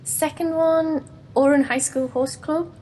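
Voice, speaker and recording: A woman's voice: high voice, steady tone, unhurried, a little mellow. A young woman, a guest on a podcast, chatting cheerfully and laughing often. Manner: giggly and cheerful. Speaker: ASMR artist and podcast guest. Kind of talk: casual interview chat.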